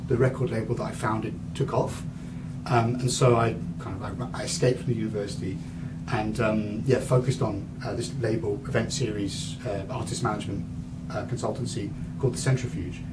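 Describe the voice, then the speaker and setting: A man's voice: lowish voice, fairly even intonation, brisk. A man in his thirties giving a university lecture, rambling with many fillers and restarts. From England. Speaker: guest lecturer. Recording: distant mic, audible room noise.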